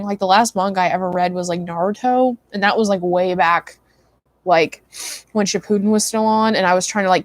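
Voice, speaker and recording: A tired young woman hosting a livestream chats casually with viewers, yawning and rambling with many likes and ums. Her voice is lowish, with no room sound.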